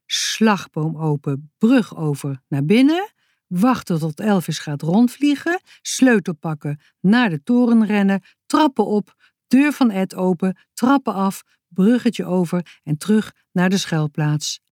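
A woman voicing a calm, clever boy who explains a plan in a quiet, matter-of-fact way, in a storybook. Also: mid-range voice, measured pace, no room sound, clean studio sound, natural voice. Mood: planning.

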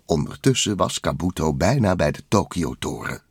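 A man narrating a children's storybook in a lively, expressive way. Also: deep voice, moderate pace, gravelly, slightly rough, dry recording, studio quality. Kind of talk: storybook read-aloud narration.

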